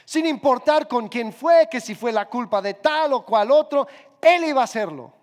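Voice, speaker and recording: A male preacher with a strikingly high voice tells a story in sermon style. He draws it out vividly and repeats phrases for weight. His voice rings with a long hall reverb. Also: expressive, normal speed.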